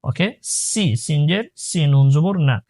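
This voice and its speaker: A man teaching Quran recitation, spelling each syllable aloud and then chanting the word slowly and drawn out. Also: on the high side, expressive, a little mellow, no echo. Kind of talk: letter-by-letter recitation lesson.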